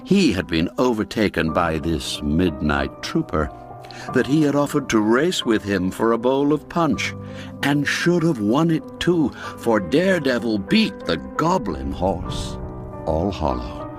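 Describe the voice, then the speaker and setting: Over background music, a man narrates a classic ghost tale in an unhurried, lowish voice. His storytelling is theatrical and expressive, lingering on the darker words.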